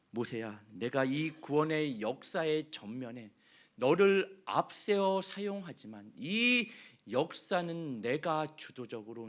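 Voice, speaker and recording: A man voicing God, who speaks to Moses in calm, commanding and reassuring words. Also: on the high side. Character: God speaking firmly but gently to Moses.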